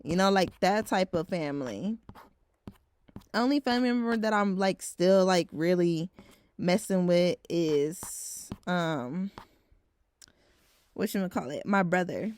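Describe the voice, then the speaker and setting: A woman's voice: fairly low pitch, takes it slowly, long pauses, darkish tone. A woman around twenty, talking frankly in a casual vlog, swearing now and then and saying "like" a lot. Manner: heavy use of filler "like". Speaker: vlogger.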